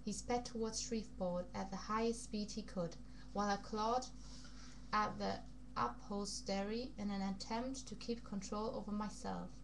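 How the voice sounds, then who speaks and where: A woman's voice: mid-range voice, fairly even intonation, normal speed, vocal fry. A woman reading a novel aloud in a put-on, funny foreign accent, stumbling over words now and then and rereading phrases. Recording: noisy recording with background hum.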